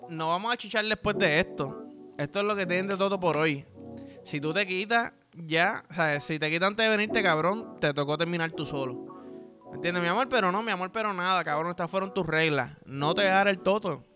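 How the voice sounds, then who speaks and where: A man's voice: high voice, a little fast, over music. A man with a Puerto Rican accent hosting a podcast, rambling through a crude comic monologue full of slang. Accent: Puerto Rican Spanish. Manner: rambling, vulgar, joking, heavy slang. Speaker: podcast host.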